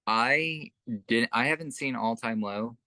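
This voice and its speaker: A man's voice: medium pitch, a little slow, sharp tone, dry recording. A young man who plays in a band, chatting casually in an interview and rambling with lots of fillers and restarts. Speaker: band musician, interview guest.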